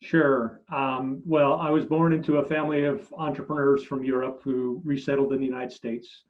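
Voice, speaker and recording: Speaking at a moderate pace, a middle-aged marketing expert whose native language is German tells animated stories while answering interview questions. He keeps restarting and sinks low at phrase endings, all captured in muffled lo-fi sound.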